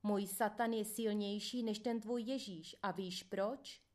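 A woman voicing a furious male prisoner who shouts and rants, in a storybook reading. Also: medium pitch, fairly even intonation, close to an everyday voice. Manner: shouting, agitated. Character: furious male prisoner raging about Satan.

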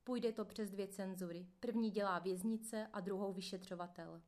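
A woman narrating a first-person memoir in a steady, earnest manner. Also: medium pitch. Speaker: audiobook narrator.

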